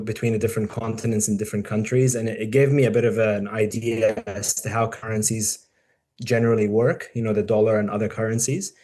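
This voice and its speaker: A man's voice: medium pitch, a little mellow. A man in his forties, a surgeon, giving a casual, conversational talk to fellow doctors, with frequent ums and restarts. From born in the UK, raised in Dubai and New Zealand. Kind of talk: casual presentation to peers.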